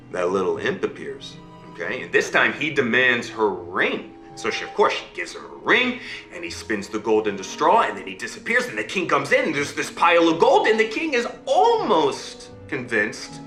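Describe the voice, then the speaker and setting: A man's voice: medium pitch, sharp tone, roomy sound. A man telling a fairy tale to his child over a video call, voicing the characters and checking in with okay and right. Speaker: father telling a bedtime story.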